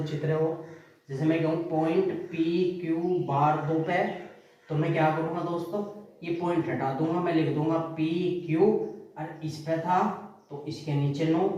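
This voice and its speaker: Male math teacher, fairly high voice, lecturing. He poses questions and answers them himself, heard from a distance. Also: a little mellow. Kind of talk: classroom math lesson. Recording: very echoey room, mic far off.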